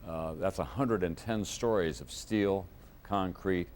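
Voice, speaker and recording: A man anchoring live breaking news in a measured, grave way, pausing often with fillers, heard from an old VHS tape recording of a TV broadcast. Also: sits low, a little mellow, slight background noise.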